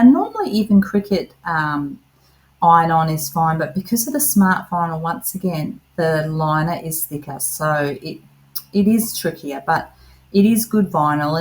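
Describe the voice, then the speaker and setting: Low-pitched middle-aged woman, casual craft voice-over, chatty and self-mocking. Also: poor audio. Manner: chatty, self-deprecating, calls viewers "lovelies". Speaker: craft vlogger.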